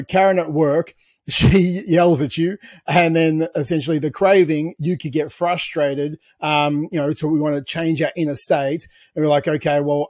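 Husky-voiced man explaining. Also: a little high, a little mellow, no echo, studio quality. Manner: explains at length, with restarts and "you know" asides. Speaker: podcast co-host. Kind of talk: casual podcast chat.

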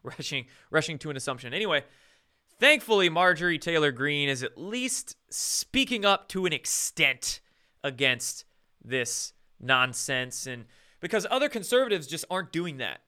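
A man's voice: a little high, very animated, moderate pace, bright, forceful tone, smooth. A male host doing live-stream commentary, ranting with sarcasm and frequent swearing.

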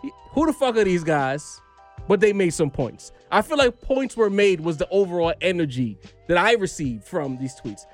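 An American man hosting a hip-hop podcast in slangy, profane banter, giving loud, opinionated ribbing with emphatic repeats. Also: sits high, lively intonation, normal speed, faint music behind. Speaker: podcast host.

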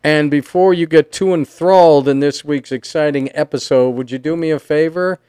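Upbeat male podcast host with a smooth voice. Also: fairly high pitch, normal speed, mellow, no room sound, studio quality. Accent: Southern Californian. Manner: upbeat, promotional. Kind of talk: casual interview chat.

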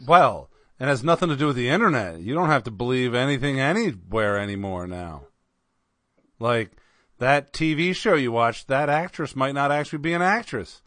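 A man's voice: mid-range voice, animated, fairly bright tone, dry recording. A man hosting a casual comedy podcast, introducing his co-hosts and teasing them. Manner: joking, drawn-out and teasing. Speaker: podcast host. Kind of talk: casual chat.

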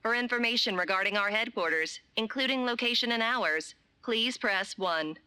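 A woman voicing an automated office phone menu, with a measured, polite, impersonal delivery. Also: a little high, sharp tone, smooth. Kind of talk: recorded phone menu announcement.

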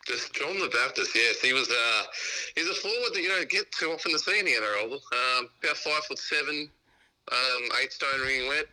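A laid-back man guesting on a sports podcast, self-deprecating about his team. His voice is very bright and tense-edged at a middle pitch. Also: fairly quick, low-quality recording. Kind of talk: casual sports podcast chat.

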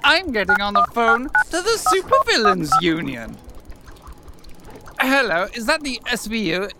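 A man's voice: extremely high pitch, sing-song, unhurried, heavy background noise, heavily acted. A man playing a pompous, easily flustered supervillain with a theatrical delivery in a comedy sketch. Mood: indignant. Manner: theatrical, flustered, stammering when challenged. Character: pompous, exasperated, petty male supervillain. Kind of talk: audio comedy sketch acting.

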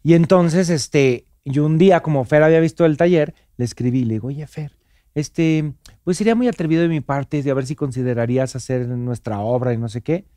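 A man telling a lively anecdote in casual chat, swearing freely as he goes. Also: fairly high pitch, fairly quick, dry recording, clean studio sound. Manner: animated storyteller, swears casually. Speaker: theater producer.

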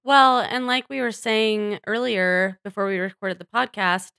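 A woman's voice: medium pitch, fairly even intonation, measured pace, vocal fry, sharp tone, clear, resonant tone, dry recording, clean studio sound. A woman co-hosting a podcast in casual chat, blunt and heated, swearing freely. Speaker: podcast co-host.

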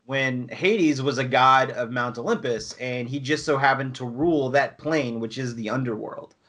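A man's voice: medium pitch, normal speed, fairly bright tone. A man in casual chat, rambling as he explains, with lots of restarts and fillers.

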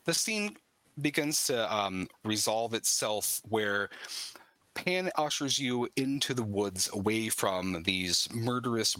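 A man narrating a tabletop game as game master, in a halting way with many ums and uhs. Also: deep voice, bright, forceful tone, dry recording.

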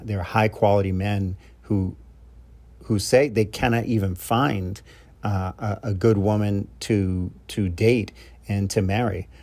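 His voice is fairly low-pitched and darkish as this middle-aged New York love coach talks through advice for his podcast audience. With a New York accent, he speaks conversationally in a loose monologue, restarting often and filling pauses with "uh."

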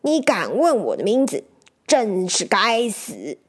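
A woman's voice: medium pitch, wildly swooping pitch, takes it slowly, slightly rough, exaggerated voice. A woman voicing a blind, wronged old woman who speaks bitterly and scolds.

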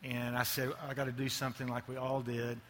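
A man's voice: medium pitch, completely flat delivery, brisk, fairly bright tone, big-room sound. A male ad agency executive giving a conference keynote, full of joking, self-mocking asides.

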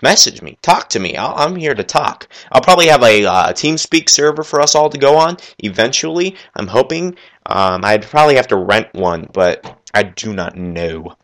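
A man hosts his own gaming podcast alone at his computer. He talks fast and with enthusiasm, rambling from point to point and restarting sentences as he goes. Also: medium pitch, big pitch swings, a bit bright. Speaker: podcast host. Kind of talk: solo gaming podcast chat. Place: at his computer, working while talking.

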